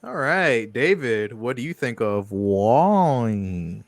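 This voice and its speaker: A man hosting a casual group chat about films, excitable and quick to laugh. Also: mid-range voice, slight background noise. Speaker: host leading the tier list.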